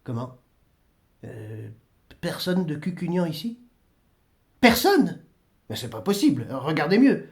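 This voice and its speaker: A man's voice: fairly high pitch, sing-song, slow pace, pauses often, full character voice. A man reading aloud and voicing an anxious, humble village priest who pleads and stammers. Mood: pleading.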